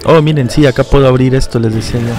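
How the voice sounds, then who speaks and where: A man's voice: medium pitch, fairly even intonation, fast talker. A young man with a Mexican accent giving casual gameplay commentary, informal and dropping in English slang. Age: young adult. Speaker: gaming streamer. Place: indoor room at a computer, webcam. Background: game music.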